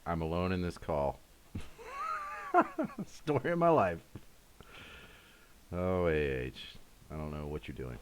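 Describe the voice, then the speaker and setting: A rambling American man hosting a casual live-stream chat from home. His voice sits low but swings up and down a lot. He talks straight to his viewers by name. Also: expressive, a little slow, pauses often, slight background noise. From United States.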